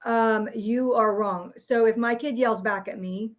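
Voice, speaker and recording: A woman's voice: a little high, fairly even intonation, unhurried. A woman therapist and parent explaining in a loose, searching way, full of "um" and "right?" as she talks it through. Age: adult parent. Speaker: guest therapist. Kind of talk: casual explanatory chat.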